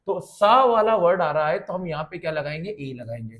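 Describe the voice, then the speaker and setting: High-voiced Hindi-accented grammar teacher. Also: male voice, big pitch swings, normal speed, a bit bright. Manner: addresses students as dear children, repeats "ठीक है ना". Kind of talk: classroom lesson explaining slides.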